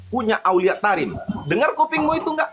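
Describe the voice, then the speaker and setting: A man's voice: high-pitched, very animated, fairly quick, background noise. A man who is a guest in a heated debate, talking in an indignant, exasperated way.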